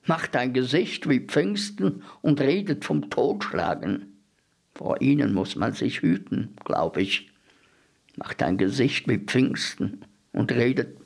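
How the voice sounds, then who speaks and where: A man's voice: mid-range voice, sing-song, slow pace, vocal fry, a little mellow, exaggerated voice. A man voicing a complaining bread merchant who exclaims in a story reading. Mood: mocking. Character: grumbling middle-aged male bread merchant.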